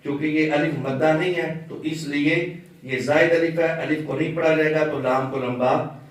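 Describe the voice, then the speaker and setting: A man teaching Quran recitation in a patient, step-by-step way, chanting example words slowly. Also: fairly high pitch, steady tone, heavy reverb, distant mic, poor audio. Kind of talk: slow religious lesson with chanted examples.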